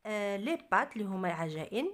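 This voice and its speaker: A woman with an Algerian accent tutoring a child at home, patiently repeating and spelling out words slowly. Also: medium pitch, very animated, fairly bright tone. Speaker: tutor reviewing a French textbook with a child. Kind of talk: home tutoring, French and Arabic mixed.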